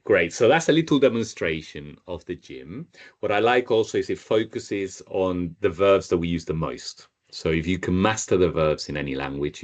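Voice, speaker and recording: Very low-voiced man teaching Spanish. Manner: patient, repeats learners' answers. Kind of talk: online group language lesson.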